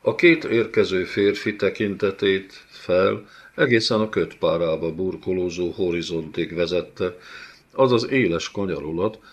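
A man narrating a fantasy novel in a measured, descriptive style, in a dull lo-fi audiobook recording. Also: deep voice.

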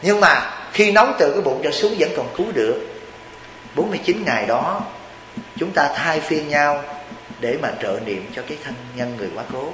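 A man's voice: a little high, lively intonation, normal speed, a bit bright, reverberant, long reverb tail, slight background noise, low-quality recording. A Buddhist monk from Vietnam gives a chatty, joking sermon, teasing his listeners and asking them rhetorical questions.

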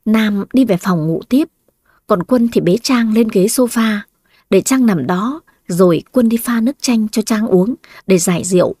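A woman narrating a story in the first person, in an even, plain storytelling manner. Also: mid-range voice, normal speed, no echo, clean studio sound.

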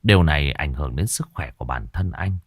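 A man narrating a ghost story in a dramatic, expressive storytelling manner. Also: a bass voice, fairly quick, breathy edge, no room sound, studio quality.

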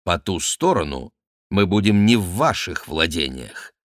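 A man's voice: low-pitched, sing-song, unhurried, dry recording, studio quality. A man reading an audiobook, voicing a mocking, politely insolent young nobleman in an ironic, teasing tone. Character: mocking cool young male courtier, a nobleman.

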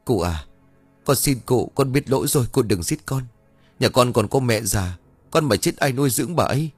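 A ragged young servant pleads tearfully for his life, as a man acts him out. His voice climbs higher in desperation and wavers widely. It is dry and close, an audiobook reading. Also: lively intonation, moderate pace, breathy edge, no room sound, faint music behind. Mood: pleading, desperate. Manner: tearful begging.

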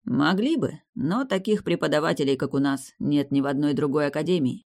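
A woman voicing a wry male academy rector who is a shapeshifter, speaking calmly and teasingly in an audiobook. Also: deep voice, fairly quick. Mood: explaining. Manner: calm, teasing, matter-of-fact. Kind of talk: audiobook character reading.

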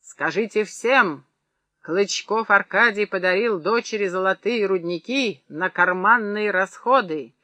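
A drunk, swaggering old gold-mine owner boasts loudly in a high, sharp voice, as a male reader puts him on. He sounds like a boastful audiobook character voice. The recording is close and dry, with no room around it. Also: a little slow, no room sound.

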